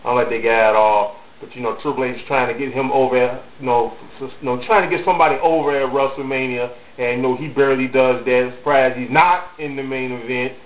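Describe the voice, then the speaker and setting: A man's voice: mid-range voice, fairly even intonation, fast talker, hardly any pauses. A man talks through his views in a loose, casual vlog. He rambles, repeats himself and stutters, leaning on "you know". The sound is thin and phone-like, with a roomy echo. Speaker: wrestling vlogger.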